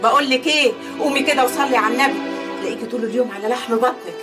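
A woman's voice: a little high, racing, lightly acted. An actress playing a coaxing middle-aged mother in a poor neighborhood, speaking with an Egyptian accent. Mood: fussing. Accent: Egyptian Arabic. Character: caring Egyptian working-class mother, coaxing and fussing. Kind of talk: TV drama acting. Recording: TV soundtrack with music underneath.

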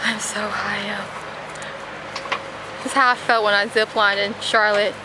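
A young woman travel vlogger chats casually to her camera, her medium-pitched voice fairly flat and a bit slow, with lots of "like" and "um". She's outdoors in gardens and in a car, and the camera audio clearly picks up outdoor noise.

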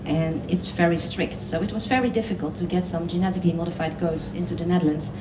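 A woman's voice: lowish voice, fairly even intonation, fast. Woman on stage in a roomy hall. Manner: earnest, with many fillers. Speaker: panellist designer. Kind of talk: panel talk on stage. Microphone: headset. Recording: roomy hall, mic at a distance, noisy.

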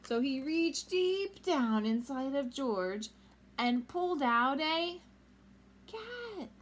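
A woman reading a picture book aloud to children, animated and asking them questions. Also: high-pitched, slow, a little hiss or hum. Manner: animated, asks young listeners questions. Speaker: storytime reader.

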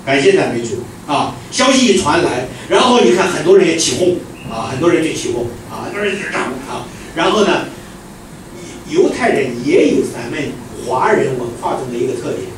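A male pastor delivers an animated sermon, his pitch swinging widely and somewhat high. He moves from loud exclamations down to hushed, quiet lines. The recording is from a distant mic in a very echoey church hall, with clear background noise. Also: normal speed.

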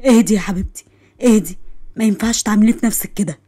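A woman's voice: medium pitch, racing, mellow, lightly acted. A woman with an Egyptian accent voicing a stern middle-aged father who lectures his daughter firmly. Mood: calming. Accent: Egyptian Arabic. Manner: lecturing, firm, told-you-so.

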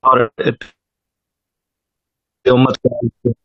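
Guy asking a question on a laggy video call, voice keeps cutting out, slow and unsure, dull dry audio. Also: medium pitch, completely flat delivery, dry recording. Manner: hesitant and deferential. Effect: voice cutting in and out over an unstable internet connection. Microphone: computer or phone on a video call. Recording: lo-fi choppy internet call audio.

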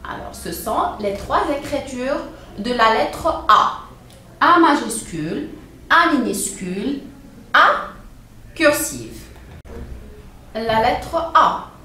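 Lady teacher sounding out syllables real slow for little kids, high lively voice, very echoey room with a bit of hum. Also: far from the mic. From Morocco. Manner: slow, exaggerated syllable-by-syllable pronunciation for young children. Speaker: primary school teacher. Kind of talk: children's reading lesson. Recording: very echoey room with faint ambient noise.

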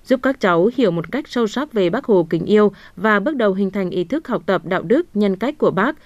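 A woman reads a scripted news report in a formal, measured way as a local television narrator. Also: mid-range voice, animated, dry recording, lo-fi sound.

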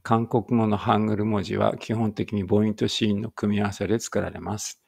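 A man reading a language lesson aloud slowly and carefully, with muttered asides to himself. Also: fairly low pitch, little pitch movement, creaky, a little mellow, husky.

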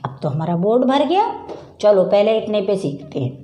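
A woman teaching children the Hindi vowel signs, slowly and patiently sounding out each letter. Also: mid-range voice, big pitch swings, mellow, reverberant.

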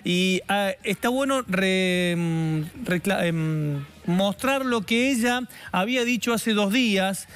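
A middle-aged man with an Argentine accent presenting live news as a studio anchor, pausing at times to find his words, with music behind him. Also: high-pitched, lively intonation, a bit bright, clean tone.

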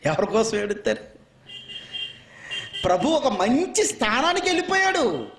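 A very high-pitched male preacher from India delivers a sermon, pressing his listeners with one rhetorical question after another. His animated voice rings through an echoey room. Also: a little slow, a little hiss or hum.

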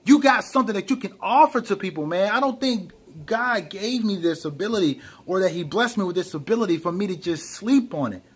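A young man of about thirty speaks in a high-pitched, slightly rough voice at a fairly quick pace, giving a casual motivational vlog from a small room at home. Earnest and animated, he talks into a webcam or phone held close to his face. He keeps calling viewers "man" and saying "you know what I'm saying."

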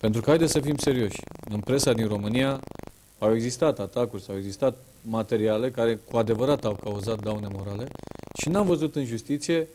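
A man's voice: medium pitch, darkish tone, a little hiss or hum, rough recording. A man hosting a talk show, asking probing questions with hesitant fillers.

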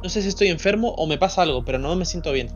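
A man putting on a higher, jittery robot repairman, quick and eager, slightly dull lo-fi sound. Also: expressive, soft background music, close to an everyday voice. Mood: fretful. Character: nervous shivering male robot repairman.

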